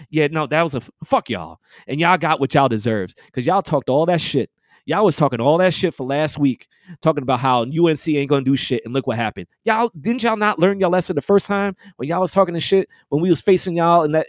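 A man's voice: fairly high pitch, no room sound, clean studio sound. A man hosting a podcast, ranting in a casual, gloating and heated way, full of profane trash talk. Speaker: podcast host.

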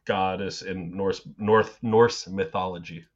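A man's voice: low voice, steady tone, takes it slowly, muffled recording. A man co-hosting a live podcast, telling rambling stories full of "like" and fillers over a video call. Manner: rambling storytelling, filler-heavy. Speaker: podcast co-host. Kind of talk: casual chat.

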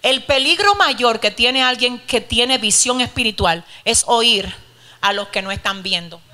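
A woman preaches a fervent sermon in church, her high, bright voice pushing into shouted calls to the congregation. Passionate and urgent, she moves between teaching and prayer. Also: unhurried. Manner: fervent, rising to shouted exhortations. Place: church service.

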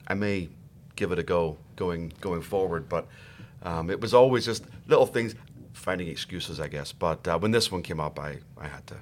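Deep-voiced Irish man, halting chat. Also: slight background noise. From Ireland. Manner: halting, repeats words, self-deprecating. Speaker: guest actor. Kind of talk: casual podcast chat.

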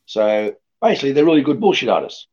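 A middle-aged man raised in Australia, talking casually as a podcast guest in a rambling, lively way with many restarts. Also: mid-range voice, fast talker. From born in Greece, raised in Australia. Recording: dull lo-fi podcast audio.

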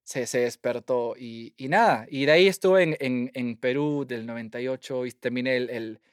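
A young man, a guest telling his story in a lively way and slipping English phrases in among fillers. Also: mid-range voice, normal speed, smooth, dry recording, clean studio sound. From Peru. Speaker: guest scientist. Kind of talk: casual interview storytelling.

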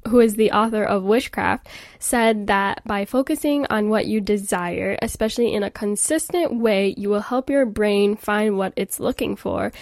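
Speaking at medium pitch, a mid-twenties woman chats informally on her podcast, using young, casual phrasing in a rambling monologue about self-care. It's recorded in studio quality with no room sound.

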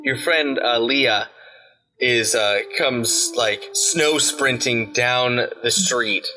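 A man's voice: mid-range voice, very slow, over music. A man narrating a tabletop game as game master, rambling with many fillers.

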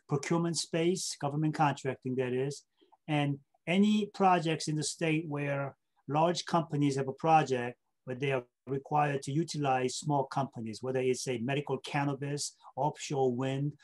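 As an interview guest, a South Korean state government official talks casually in English with a mid-range, darkish voice at normal speed and a steady tone. Lots of filler uhs and repeated words appear, and his points end in tag questions like "okay" or "right."

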